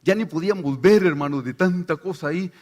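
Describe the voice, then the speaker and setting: A man's voice: on the high side, a little fast, lo-fi sound. A middle-aged man from Guatemala, a pastor with a Guatemalan Spanish accent, preaching a sermon and telling stories while acting out the voices of the people in them. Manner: animated storytelling, acts out voices.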